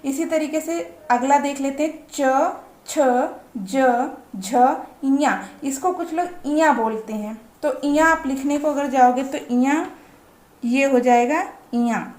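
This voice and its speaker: A woman teaching parents how to pronounce the letters of an alphabet, explaining patiently and drawing out each letter sound slowly. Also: sits high, darkish tone, reverberant. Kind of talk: slow explanatory lesson.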